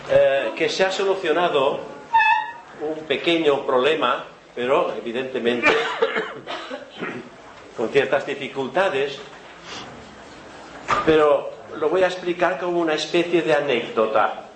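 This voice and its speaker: A man's voice: fairly high pitch, measured pace, pauses often. A man telling a long funny anecdote to a live audience, chatty and often laughing. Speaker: event organizer. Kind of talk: storytelling to an audience. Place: lecture hall with audience. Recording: roomy hall with noise.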